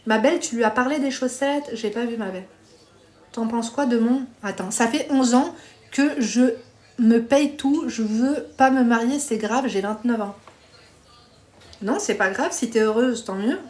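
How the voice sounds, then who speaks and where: A woman's voice: on the high side, measured pace, darkish tone. A woman hosting a live stream, chatting bluntly with viewers, reading their comments and giving dating advice while calling them pet names.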